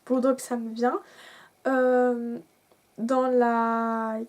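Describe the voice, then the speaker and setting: Casting: young woman, high voice, loose rambling vlog chat. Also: flat delivery, very slow, darkish tone. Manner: rambling, frequent fillers and restarts. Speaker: vlogger. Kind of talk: casual chat to camera.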